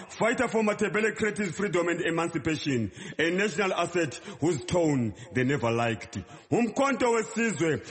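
Man, praise poet, rhythmic declamation, slightly high voice. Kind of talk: praise poetry recitation.

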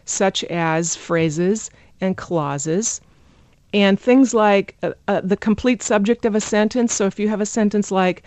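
A woman's voice: medium pitch, darkish tone, no room sound. A woman who teaches English pronunciation, explaining in a radio interview and sounding out rhythms with nonsense syllables.

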